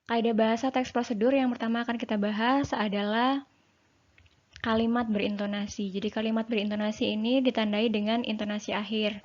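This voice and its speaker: A woman teacher explains a lesson in a relaxed, chatty manner, throwing rhetorical questions at her students. The home recording sounds a little dull and lo-fi. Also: medium pitch. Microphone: home recording for an online lesson.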